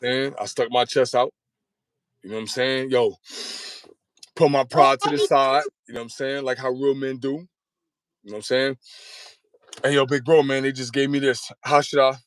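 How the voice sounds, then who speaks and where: A man's voice: medium pitch, little pitch movement, moderate pace, pauses often, dry recording. Thirties guy telling his story, street slang, keeps going "you know what im saying", dry mic. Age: 30s. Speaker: guest. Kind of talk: candid interview storytelling.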